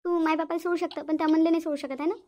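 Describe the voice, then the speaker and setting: Brief: fretful cartoon village mom, voiced by a woman, brisk scolding. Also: extremely high pitch, little pitch movement, dark tone. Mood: exasperated. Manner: fretful, scolding, sighing complaints. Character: worried middle-aged village mother, weary. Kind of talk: cartoon voice acting.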